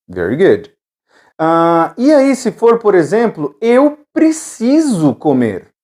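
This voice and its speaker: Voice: medium pitch, huge pitch swings, slow pace, a little mellow. An English teacher giving a recorded lesson, patiently repeating drill phrases and checking in with the students.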